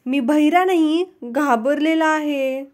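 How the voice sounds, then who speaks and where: A woman's voice: high voice, takes it slowly, heavy background noise. A woman voicing a sheepish henpecked husband. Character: exasperated henpecked husband, adult man.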